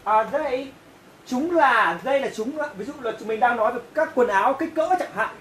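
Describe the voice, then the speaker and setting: A woman teaching English grammar with a Vietnamese accent, going slowly, repeating phrases and checking with her learners. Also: on the high side. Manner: slow, repeats and translates each phrase, often asks "right?". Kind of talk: grammar lesson. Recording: echoey room, voice from a distance, faint hiss.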